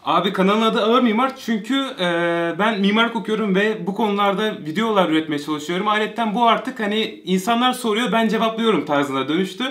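A man's voice: sits high, fairly quick, few pauses, a bit bright, echoey room. A man in his twenties chatting casually as a guest on a show. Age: 20s. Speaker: guest helper. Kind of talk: casual chat. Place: indoor living-room style set on a couch.

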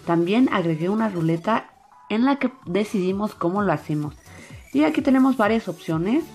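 A woman hosts a casual craft vlog for children. She talks in an excited, chatty way at a medium pitch, explaining as she goes. Faint music plays behind her voice. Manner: excited, chatty, addressing young viewers. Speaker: host of a children's slime channel.

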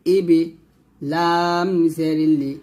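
Slow, drawn-out Bangladeshi male teacher. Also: fairly high pitch, fairly even intonation, a little mellow. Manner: spells each letter with its vowel mark, then blends the syllables. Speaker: Quran reading teacher. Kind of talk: slow spelled-out recitation lesson.

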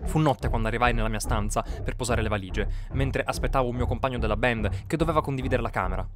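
A man's voice: medium pitch, fast. A man narrating a first-person horror story with tense, dramatic delivery. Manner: tense storytelling, bursts of shouting in quoted lines. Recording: music bed behind the voice. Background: music.

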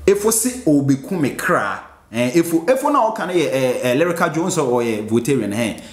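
A man with a Ghanaian accent hosting a music reaction, excitable, breaking into exclamations and slowly repeating lines to explain them. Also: mid-range voice. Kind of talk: reaction commentary. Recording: roomy echo.

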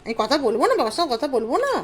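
A woman's voice: fairly high pitch, very animated, rapid-fire. A young woman, chatting casually and cooing baby talk at her dog. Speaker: vlogger, dog owner. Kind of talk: casual chat with pet.

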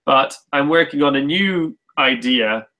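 A man who creates comics, talking about his work in a relaxed, thoughtful, self-deprecating way with frequent restarts. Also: medium pitch, measured pace, poor audio. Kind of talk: casual conversation.

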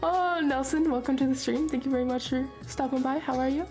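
A woman's voice: sits high, brisk, darkish tone, soft background music. A woman streamer chatting casually with her viewers while she draws, laughing often between remarks. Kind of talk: casual chat during a live art stream.

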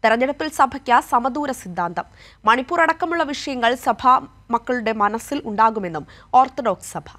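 A woman's voice: on the high side, lively intonation, normal speed, a bit bright. A young woman in her twenties reading the news and handing over to a reporter in a TV studio. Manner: clear formal delivery. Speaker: news anchor.

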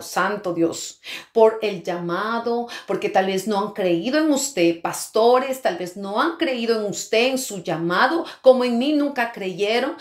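A woman preaching a fervent sermon testimony, breaking into exclamations of praise and speaking in tongues. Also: medium pitch. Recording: roomy echo.

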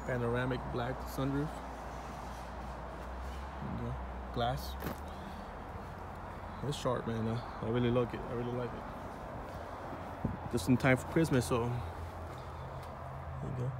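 A man filming on a phone in a car lot, showing viewers a new car in a relaxed, offhand way. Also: mid-range voice, slow, pauses often, very noisy. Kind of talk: casual walkaround video. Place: outdoor car dealership lot and inside a car. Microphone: phone held in hand while filming.

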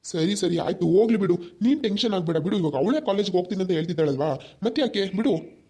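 A man playing an easygoing husband who keeps telling his angry wife to calm down, in an amateur village family drama. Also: high-pitched, fast talker, breathy edge, full character voice. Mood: placating. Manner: soothing, placating.

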